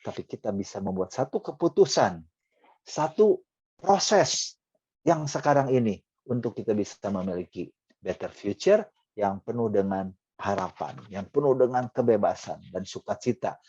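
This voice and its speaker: A middle-aged man preaching a conversational sermon with animated pitch jumps for emphasis, often dropping in English phrases. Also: moderate pace, husky, no room sound, highs cut off.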